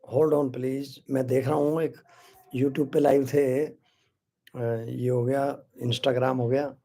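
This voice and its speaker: Slow-talking Indian man in his sixties. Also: mid-range voice, little pitch movement, warm tone. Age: 60s. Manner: greets viewers by name, upbeat, repeats "my dear friends". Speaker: webinar host. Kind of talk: live motivational webinar, mixing Hindi and English. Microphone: live stream to social media.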